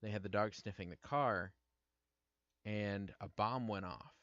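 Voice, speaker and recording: A man's voice: on the low side, measured pace, fairly bright tone, no echo. A man co-hosting a podcast, retelling a movie in a casual, rambling way with fillers and restarts. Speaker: podcast co-host. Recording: dull lo-fi podcast audio.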